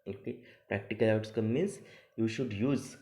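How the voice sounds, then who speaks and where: In a room with noticeable echo, a male teacher walks through an assignment in an instructional English lecture, restating important phrases in a didactic way. He speaks at a normal speed in a lowish, warm voice.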